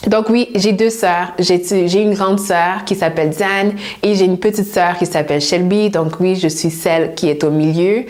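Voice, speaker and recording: A woman's voice: fairly low pitch, fairly even intonation, normal speed, hardly any pauses, darkish tone. Young woman, Québécois French accent, casual chatty vlog host, easygoing with lots of fillers. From Canada. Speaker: YouTube host.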